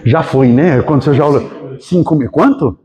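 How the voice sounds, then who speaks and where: A Brazilian man giving a spiritist sermon, telling stories in a lively way and putting questions to the audience. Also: a little high, moderate pace. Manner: storytelling, animated, acts out quotes, asks the audience. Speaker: spiritist lecturer.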